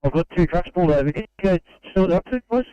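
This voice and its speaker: An Australian man working as a traffic control operator, calmly dispatching a crew over a two-way radio, halting now and then with fillers. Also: high voice, smooth, no echo. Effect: two-way radio transmission. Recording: dull narrow radio channel.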